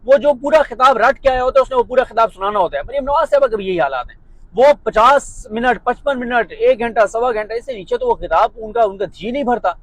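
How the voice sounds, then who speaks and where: A man's voice: extremely high pitch, sing-song, brisk, a bit bright, no echo, rough recording. A man with a Pakistani Urdu accent giving a political commentary monologue in a sarcastic, mocking, emphatic way.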